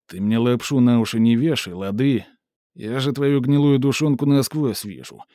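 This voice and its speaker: A man voicing a burly male stoker who threatens in a mockingly gentle, slangy way. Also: medium pitch, normal speed, no room sound, studio quality, lightly acted. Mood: menacing.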